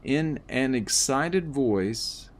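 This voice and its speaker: A man reading a first-person book aloud in a measured way, with the odd slip and restart. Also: medium pitch, lively intonation. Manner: slow, measured reading with small slips and restarts. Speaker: audiobook reader.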